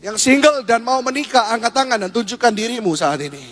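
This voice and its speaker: A man pastor, preaching a lively, humorous sermon and asking the congregation questions. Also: very high-pitched, brisk, soft background music.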